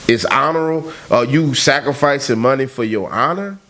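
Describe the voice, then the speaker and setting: A man's voice: mid-range voice, normal speed, a bit bright. A man in his thirties, talking bluntly and emphatically in a casual conversation. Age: 30s. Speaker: podcast host.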